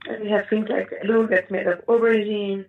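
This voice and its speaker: Female interview guest, North African accent, mid pitch, explanatory and searching for words, narrow phone-like audio. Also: little pitch movement, moderate pace. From Morocco. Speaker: interview guest, Moroccan food cook. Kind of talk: conversational interview answers. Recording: thin, phone-like call audio.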